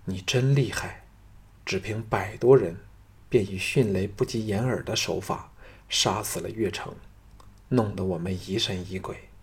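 A man's voice: fairly low pitch, unhurried, breathy edge, exaggerated voice. A man voicing a lovesick young noblewoman who begs and pleads breathlessly. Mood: pleading. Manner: breathless, imploring.

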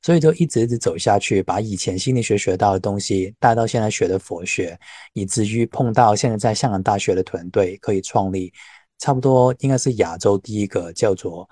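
A man's voice: on the low side, brisk, dark tone, dry recording, studio quality. A man from Hong Kong with a Cantonese accent in Mandarin, talking reflectively as a teacher and mixing in English words. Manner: mixes English words into speech. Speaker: Buddhist counselling teacher. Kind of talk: reflective personal talk in a livestream.

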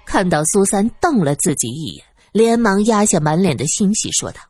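Expressive, husky woman storyteller. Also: mid-range voice, normal speed, dry recording, studio quality, soft background music. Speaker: audiobook narrator. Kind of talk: storytelling narration.

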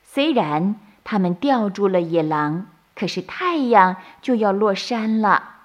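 Slow sing-song woman storyteller. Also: mid-range voice, animated. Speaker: children's storyteller. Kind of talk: bedtime story narration.

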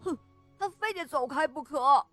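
A woman's voice: high-pitched, lively intonation, moderate pace, fairly bright tone, no echo, faint music behind, voice pushed up. Woman putting on a grumpy wild boar. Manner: grumbling, huffy. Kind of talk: storybook reading.

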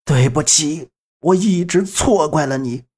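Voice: mid-range voice, a little slow, darkish tone, husky. A man voicing a proud, bitter older male swordsman with a sneering, defiant way of talking. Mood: remorseful.

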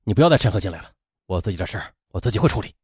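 A man voicing a laid-off husband who is humiliated and simmering with anger, speaking low and quiet. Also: very animated, rapid-fire, breathy edge, no room sound, studio quality, heavily acted. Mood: curt.

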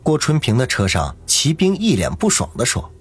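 A man's voice: medium pitch, huge pitch swings, moderate pace, husky. A man narrating a novel as an audiobook, with dramatic storytelling. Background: faint music.

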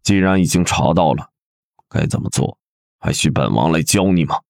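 A man's voice: a bass voice, normal speed, creaky, a little mellow, dry recording, studio quality. A man voicing a cold, ruthless prince who speaks with sneering contempt in a fan audio drama. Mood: commanding.

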